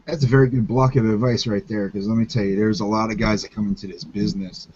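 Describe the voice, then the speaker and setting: A man's voice: fairly low pitch, fairly even intonation, fast, darkish tone, highs cut off, a little hiss or hum. A man co-hosting a casual podcast interview, making wry, teasing remarks. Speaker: podcast co-host.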